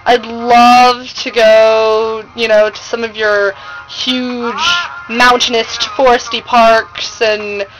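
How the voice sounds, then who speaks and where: A woman's voice: a little high, low-quality recording. An American woman chatting casually to her vlog audience in a gushing, slangy, emphatic way. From United States. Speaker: vlogger. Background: music playing.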